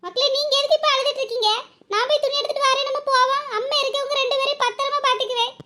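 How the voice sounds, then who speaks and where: Woman voicing a fierce young cartoon wife, very high voice, fast talk. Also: steady tone, pushed and bright. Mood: comforting. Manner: fierce, scolding, then tender with her children. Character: defiant wronged young wife and mother. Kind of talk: cartoon voice acting.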